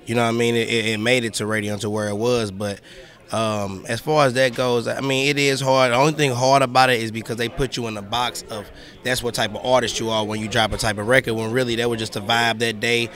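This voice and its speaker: A man's voice: mid-range voice, little pitch movement, quick pace, fairly bright tone. A male rapper giving a casual, slangy interview, peppering his talk with conversational tag phrases. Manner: slangy, full of 'you know what I mean' tags. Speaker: rapper and musician being interviewed. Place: music awards event.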